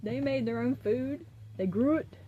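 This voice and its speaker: Over tinny, narrow, very noisy audio, a middle-aged woman talks in a high voice at a measured pace. She's a vlogger with an Appalachian West Virginia accent, chatting in a rambling, casual way to viewers, blunt and defiant and swearing freely.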